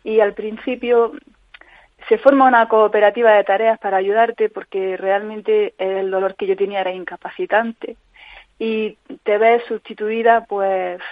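A woman tells her story in an interview. She speaks earnestly, pausing and restarting often. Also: medium pitch, level tone, no room sound. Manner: earnest, halting, frequent restarts. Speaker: guest, mother living with chronic pain. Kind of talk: personal account in a call-in interview. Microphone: telephone. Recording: tinny phone line on radio.

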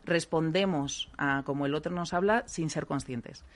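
A woman from working as a voice therapist, calmly explaining things in a radio interview and often checking in with "¿vale?". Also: low voice, moderate pace. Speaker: voice therapist guest.

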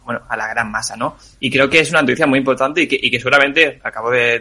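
Guy on a panel, bright clear tone, keeps repeating words. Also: medium pitch. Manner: earnest, repeats words while thinking. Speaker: panel guest. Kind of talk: roundtable discussion.

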